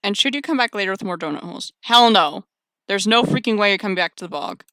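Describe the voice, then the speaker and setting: A young woman streamer reading a game aloud with excitable commentary and loud outbursts. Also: medium pitch, fast talker, dry recording, studio quality.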